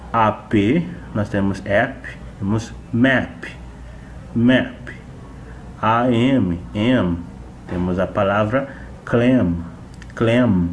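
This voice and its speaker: A man teaching English phonics to Portuguese speakers, repeating sounds and words slowly one by one. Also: on the low side, a little mellow, a little hiss or hum. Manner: slow, drawn-out repetition of sounds and words.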